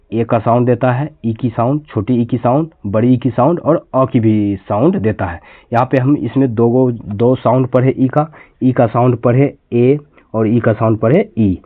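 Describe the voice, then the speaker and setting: Male tutor, patient spell-and-repeat delivery, middle pitch, lo-fi phone sound. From India. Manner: spells words letter by letter, then repeats and explains each. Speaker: teacher. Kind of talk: spoken lesson. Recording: tinny phone-quality audio.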